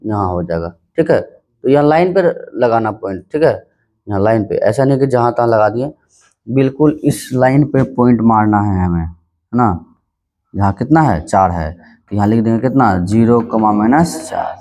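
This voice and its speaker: A man teaching a maths lesson in a calm, unhurried way, often asking questions and answering them himself. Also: lowish voice. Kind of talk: casual classroom maths lesson.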